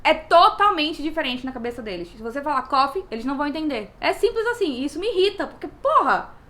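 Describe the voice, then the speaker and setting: A woman's voice: sits high, very animated, quick pace, fairly bright tone. A young Brazilian woman with a Brazilian Portuguese accent, chatting casually and expressively to her viewers in a vlog. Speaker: vlogger.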